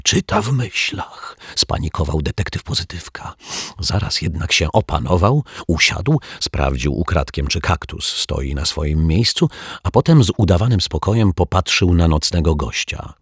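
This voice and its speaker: A man calmly narrating a children's story as an audiobook reader on a close mic. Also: rumbling low, moderate pace, breathy edge, no room sound.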